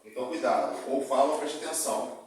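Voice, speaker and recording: A man's voice: mid-range voice, animated, fast, a little mellow. A man with a Brazilian Portuguese accent teaching a class, often checking in with his students and repeating examples. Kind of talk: classroom lecture. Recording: very echoey room, distant mic, faint noise.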